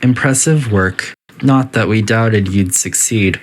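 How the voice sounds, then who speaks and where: A synthetic voice plays an artificial intelligence that is politely detached and quietly menacing, delivering formal, deadpan announcements in a video game test facility. The pitch is mid-range and the pace slow, with a noisy background and light acting in this scripted game announcer narration.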